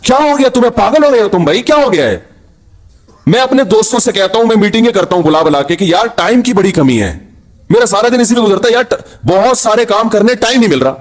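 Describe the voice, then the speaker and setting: Male preacher, high-pitched, scolding sermon delivery. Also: animated. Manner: scolding, rhetorical questions to the audience. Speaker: Islamic preacher.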